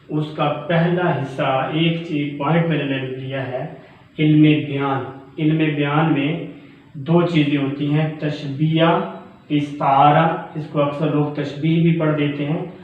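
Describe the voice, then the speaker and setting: A man teaching a grammar lesson as a professor. He speaks deliberately, repeats key terms and addresses his students as children. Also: a little high. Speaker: Urdu professor. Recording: very echoey, tinny phone-like sound.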